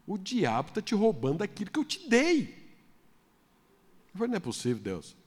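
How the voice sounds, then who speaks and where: A man pastor telling a personal story in a sermon, then building to loud, fervent preaching. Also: high-pitched, huge pitch swings, moderate pace, breathy edge. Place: church hall. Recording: long hall reverb.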